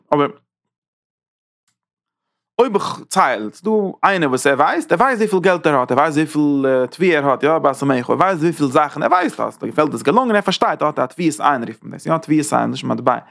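A man teaching a Torah class in a lively lecture style, talking with sudden leaps in pitch. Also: a little fast, vocal fry.

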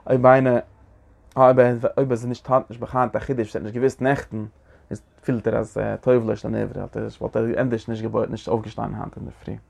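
A man teaching a lecture on a religious text, talking in halting phrases that he often repeats and restarts. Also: mid-range voice, flat delivery, vocal fry, a little mellow.

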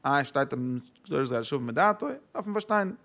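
A man's voice: medium pitch, animated, a little fast, fairly bright tone. A man giving a Torah lecture, asking rhetorical questions and answering them, with English words mixed in.

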